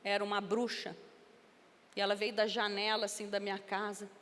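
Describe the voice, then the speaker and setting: A woman's voice: mid-range voice, monotone, moderate pace, fairly bright tone, slight background noise. A woman pastor preaching a testimony sermon in an emphatic, dramatic storytelling manner. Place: large church hall. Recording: echoey church hall.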